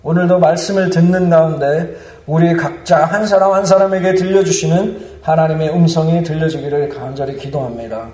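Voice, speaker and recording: A man's voice: a little high, fairly even intonation, a little fast, warm tone, a little hiss or hum. A man preaching a sermon in a church, speaking earnestly and building to fervent proclamation. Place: church sanctuary. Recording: roomy church hall, mic at a distance.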